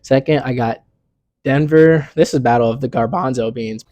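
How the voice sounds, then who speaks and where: A man's voice: medium pitch, moderate pace, mellow, dry recording, highs cut off. A young man hosting a casual sports picks vlog, talking in a laid-back, slangy way full of "you know what I'm saying".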